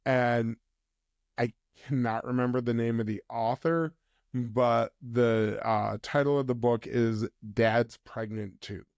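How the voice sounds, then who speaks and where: A man speaking as a mental health counsellor guest on a podcast, explaining in a measured way. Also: mid-range voice, steady tone, a little mellow, dry recording, studio quality. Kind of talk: podcast interview conversation.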